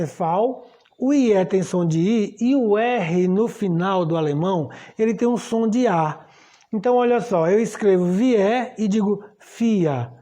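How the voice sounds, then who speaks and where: Her voice sits at medium pitch with a dark tone as she explains a language lesson at a board. Speaking with a Brazilian Portuguese accent, she patiently spells out letters and checks whether students are following along.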